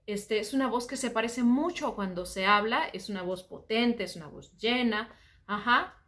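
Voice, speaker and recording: Bright-voiced Mexican woman explaining vocal technique. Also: fairly high pitch, moderate pace. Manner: calm explanatory talk, often saying "ajá". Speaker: voice and singing teacher. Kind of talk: explaining singing technique with sung examples.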